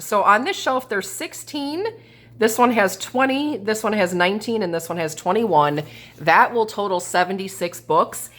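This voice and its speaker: At a craft table indoors, a Midwestern American planner and journal crafter sets up a planner and thinks aloud in casual crafting chat. Her voice is stuffy and sinusy, medium in pitch, pushed and bright. A camera over the table records her.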